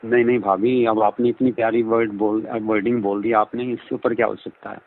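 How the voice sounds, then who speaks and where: A man with a lowish, level voice speaks fairly quickly on band-limited phone audio. In a flirtatious, talkative call mixing Hindi and English, he is effusive and repeats himself a lot.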